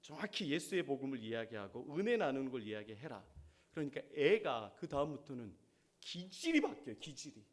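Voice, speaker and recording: A middle-aged male pastor preaching a sermon, asking the congregation questions and swinging between loud exhortation and quiet asides. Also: mid-range voice, big pitch swings, a little fast.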